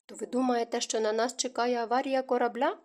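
A woman voicing an amorous male king in an audiobook, soft and coaxing. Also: a little high, fairly even intonation, brisk, close to an everyday voice. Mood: playful.

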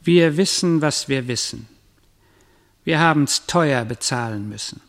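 Radio play narrator: solemn, creaky, medium pitch, heavily reverberant. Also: male voice, expressive, a little slow, a bit bright. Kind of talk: scripted dramatic narration. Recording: long echoing reverb.

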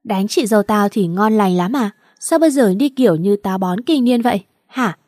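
A woman reading an audiobook story, voicing a rough, hot-tempered market boss who shouts coarse insults. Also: medium pitch, animated, moderate pace, no echo, studio quality, close to an everyday voice. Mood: furious.

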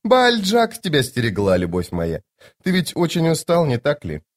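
A man's voice: a little high, huge pitch swings, normal speed, pitched above the performer's own voice. Man voicing a haughty teasing sorceress. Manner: coquettish, mocking, commanding. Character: haughty, teasing sorceress woman, playful and imperious. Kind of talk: audiobook character voice.

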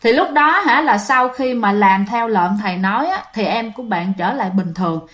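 Woman ghost-story teller, high voice, chatty and dramatic. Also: lively intonation, normal speed, fairly bright tone. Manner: chatty, dramatic, addresses listeners. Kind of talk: casual storytelling to listeners.

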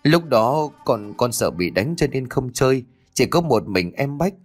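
A man voicing a frightened, tearful little boy, who speaks in a high, pleading, sobbing voice. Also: sing-song, measured pace, soft background music. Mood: scared.

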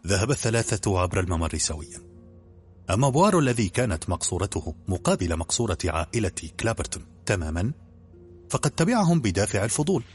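A man narrating an audiobook in a brisk, even storytelling manner. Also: lowish voice, soft background music.

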